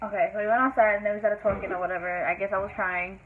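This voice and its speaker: A woman's voice: medium pitch, fairly even intonation, very fast. Young woman vlogger, casual rambling storyteller, boxy phone-quality audio. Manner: rambling, many fillers like "like" and "whatever". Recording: tinny phone-like sound, faint hiss.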